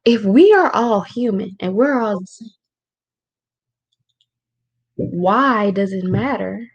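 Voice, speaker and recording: Woman, spiritual teacher running a casual at-home Q&A, informal and rhetorical, voice held low. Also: animated, takes it slowly, husky, muffled recording. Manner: informal, rhetorical, keeps asking "right?"; keeps her voice lowered. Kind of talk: casual livestream talk with Q&A. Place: room at home.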